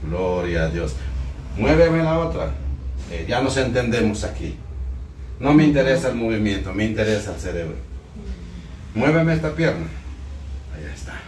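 A man's voice: lowish voice, sing-song, moderate pace, a little mellow, slight background noise. Man coaching a patient, roomy and distant. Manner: coaxing, repeats short commands. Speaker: folk healer treating a patient. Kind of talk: hands-on treatment session with explanations. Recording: roomy room, mic at a distance.

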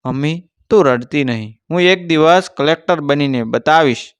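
Earnest village schoolboy, resolute, voice lifted high; male narrator doing it. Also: moderate pace, clear, resonant tone, no room sound, lightly acted. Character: determined poor village schoolboy.

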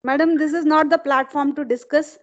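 A woman's voice: high voice, fairly even intonation, fairly quick, no echo. A woman with an Indian accent, a department head, insistently admonishing someone over a lo-fi online call. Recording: dull, lo-fi call audio.

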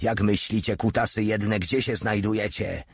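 A man voicing an overworked military medic sergeant, shouting and contemptuous as he insults the listeners. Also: fairly low pitch, fairly even intonation, normal speed, husky, dry recording, studio quality. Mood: furious. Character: furious overworked male army medic sergeant.

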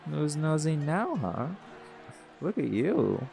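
This man's slightly high voice is sing-song, slow, and touched with vocal fry. Performing a scripted audio roleplay over party music, he voices a chill, cocky male jaguar shifter who is pack alpha and teases in a laid-back way.

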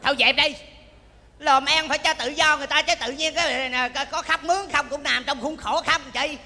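A man's voice: very high-pitched, fairly even intonation, a little fast, sharp tone. A man, playing a cheeky, grumbling hired mourner in a stage comedy sketch. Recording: stage recording in a reverberant hall.

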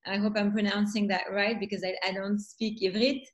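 A woman's voice: medium pitch, level tone, brisk, muffled recording. French-accented woman hosting an online panel. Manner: hesitant, many fillers, warm welcoming. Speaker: festival founder hosting a panel. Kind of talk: introducing guests on a live video panel. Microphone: video call.

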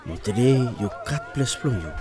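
A man's voice: mid-range voice, expressive, normal speed, a crowd in the background. A man with a ni-Vanuatu accent giving scripted documentary narration in Melanesian pidgin, much like Solomon Islands Pidgin. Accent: ni-Vanuatu Bislama, Melanesian pidgin similar to Solomon Islands Pidgin.

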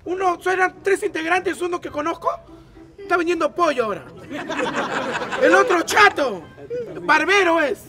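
A man's voice: extremely high pitch, lively intonation, moderate pace, long pauses, a crowd in the background. A man plays a bossy aunt, scolding her nephew over and over. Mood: mocking. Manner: scolding, insistent, repetitive.

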